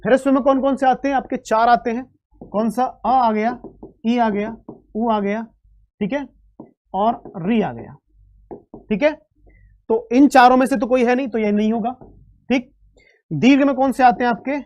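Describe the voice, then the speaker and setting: Hindi teacher woman with a high voice. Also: measured pace, long pauses, darkish tone, dull audio. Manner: addresses students as "beta", drills sounds aloud, frequent "theek hai". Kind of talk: live online exam-prep lesson.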